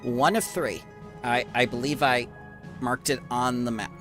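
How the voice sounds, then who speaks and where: A man's voice: medium pitch, steady tone, measured pace, over music. A man running a tabletop game as game master, narrating casually and calling out results.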